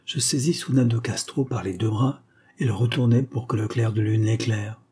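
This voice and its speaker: A man narrating an audiobook in a measured, dramatic reading. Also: on the low side, warm tone, breathy edge. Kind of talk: scripted narration.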